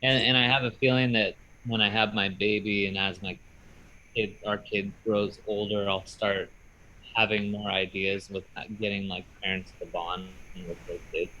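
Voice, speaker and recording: A man's voice: fairly low pitch, little pitch movement, normal speed, bright, forceful tone, poor audio. A man who does magic, talking casually and rambling upbeat on a video call. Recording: faint noise on a video call.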